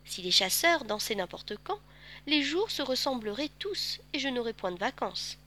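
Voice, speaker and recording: A woman voicing a gentle, wistful male fox who speaks patiently and tenderly in a storybook reading. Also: fairly high pitch, big pitch swings, moderate pace, slight background noise.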